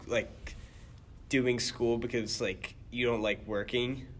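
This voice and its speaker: A man's voice: mid-range voice, little pitch movement, slow, a little hiss or hum. A young man co-hosting a podcast, talking casually and hesitantly, full of "like" fillers. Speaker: podcast co-host. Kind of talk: casual chat.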